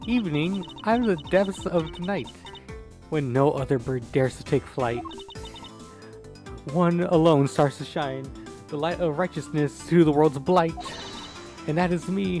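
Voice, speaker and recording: A man's voice: on the high side, unhurried, pauses often, a little mellow, soft background music, pitched above the performer's own voice. A man doing a woman's voice, voicing a cheeky, boastful young woman thief in a visual novel reading. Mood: theatrical. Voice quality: girlish put-on voice.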